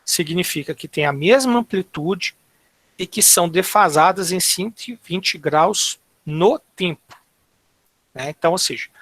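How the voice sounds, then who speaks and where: A man from Brazil giving an online university engineering lecture, halting and filling nearly every phrase with tags and restarts. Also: high voice, animated, a bit bright, no echo.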